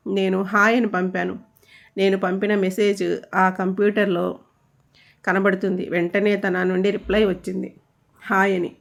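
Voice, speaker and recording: Brief: woman storyteller, steady suspenseful narration, middle pitch. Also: gravelly.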